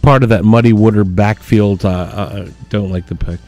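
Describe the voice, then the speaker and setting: A man's voice: on the low side, fairly even intonation, moderate pace, a little mellow, soft background music. A man co-hosting a radio sports show, easygoing and agreeable, laughing often. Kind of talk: casual radio sports talk.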